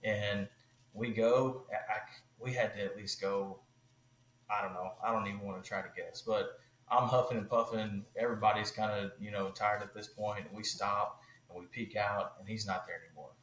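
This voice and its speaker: A man, a podcast guest, telling a long story in a casual, animated way, with many fillers. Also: lowish voice, moderate pace, echoey room, slight background noise, rough recording.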